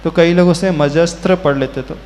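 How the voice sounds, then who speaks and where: A man, a Jain monk, teaching a scripture class, who patiently corrects pronunciation and chants verses in a drawn-out tune. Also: fairly high pitch, fairly even intonation, darkish tone. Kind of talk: slow sermon-style class with chanted verses. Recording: hall reverb with faint ambient noise.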